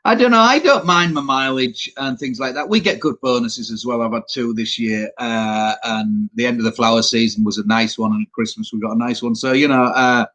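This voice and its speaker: Yorkshire man, trucker host of a live Q&A, loose rambling delivery, mid-pitched everyday voice. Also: a little fast, hardly any pauses, fairly bright tone. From Yorkshire, England. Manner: rambling, answers viewer questions aloud. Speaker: truck driver hosting a live Q&A. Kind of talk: casual live-stream chat.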